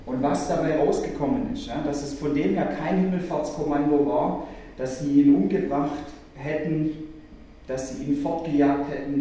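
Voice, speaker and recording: A man preaching a sermon in a big echoing church hall, heard from some distance away from the mic. His voice sits a little high but sounds mellow and warm. He tells the story earnestly, with emphatic rises. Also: a little hiss or hum.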